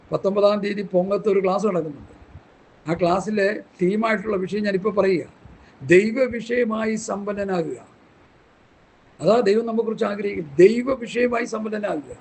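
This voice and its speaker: A man's voice: high voice, darkish tone. A man preaching a Bible study sermon in an impassioned, scolding way, full of rhetorical questions. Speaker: pastor.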